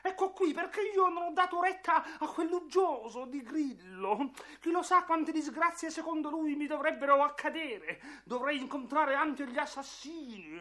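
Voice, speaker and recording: A cheeky wooden puppet boy with a high, bright, boyish voice in a classic radio drama. He brags, pleads and whines in a theatrical, sharply lit tone. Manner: high, theatrical, swinging from boastful to panicked pleading.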